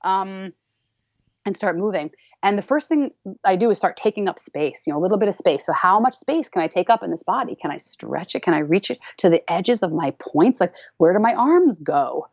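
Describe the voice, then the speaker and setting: A woman dance teacher talking in a podcast interview, animated and playful, acting out little voices and laughing often. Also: mid-range voice, a little fast, no room sound. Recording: dull lo-fi sound.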